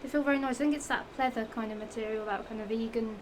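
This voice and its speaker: Fast and steady, her slightly high voice carries a Norfolk accent and a touch of strain from the heat. The young Englishwoman vlogs casually about shoes, rambling and repeating herself amid giggles, fillers and restarts. The relaxed product show-and-tell comes from a noisy home recording.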